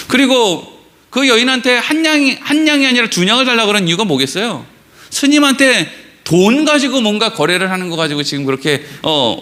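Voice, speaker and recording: A middle-aged pastor preaches in a church with a high, bright voice. He tells stories with energy, acts out his characters' lines and keeps asking the congregation questions. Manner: animated storyteller, acting out dialogue and asking the congregation questions. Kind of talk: Wednesday sermon with storytelling. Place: church sanctuary.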